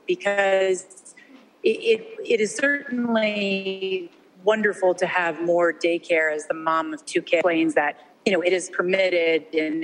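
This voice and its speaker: A woman's voice: fairly low pitch, poor audio. A woman attorney testifying remotely at a hearing over a video call that keeps breaking up, speaking hesitantly with many fillers. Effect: video call connection breaking up.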